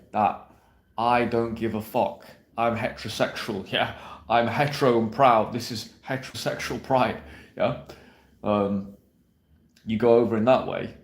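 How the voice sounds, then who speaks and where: Speaking directly to the camera, a man with a fairly low, darkish voice gives dating coaching in a brash, blunt and emphatic style. He swears freely and keeps checking in with "yeah?", all in an echoey room.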